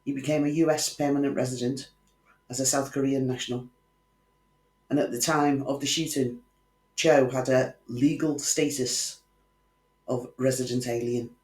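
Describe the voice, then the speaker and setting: Recorded in an echoey room, a man hosts a true crime channel, narrating a case from a script and dropping wry, conversational asides to the viewer. His voice is medium-pitched and a little mellow, with a steady tone, a moderate pace and long pauses.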